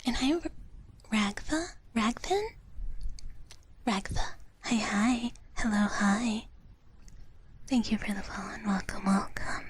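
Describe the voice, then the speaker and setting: A woman with a slightly high voice whispers softly and breathily on a gentle, cutesy ASMR live stream, chatting casually with viewers and quietly repeating her phrases. There's a clear, steady background noise in the recording.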